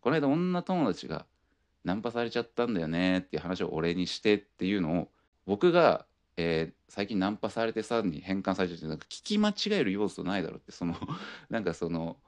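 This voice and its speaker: A young man with a deep, low voice chats alone on his podcast. He tells his stories in a loose, rambling way, full of fillers and easy asides. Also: very animated, a little fast. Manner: rambling, laid-back storytelling with frequent fillers. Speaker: podcast host. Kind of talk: casual solo chat.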